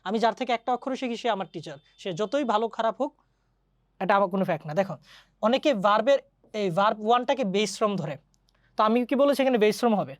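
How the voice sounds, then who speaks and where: A woman teaching an English grammar lesson, chatty and quick, often asking her students questions. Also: mid-range voice, lively intonation, no room sound, clean studio sound. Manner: mixes English grammar terms into Bengali. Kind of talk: online exam-prep lesson.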